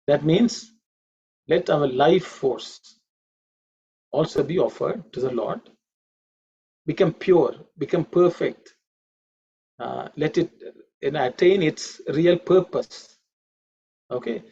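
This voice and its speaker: A man's voice: a little high, slow, vocal fry, pauses often, dark tone, breathy edge. A man teaching a Sanskrit class online, patiently repeating each word's pronunciation and explaining its meaning. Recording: dull lo-fi audio.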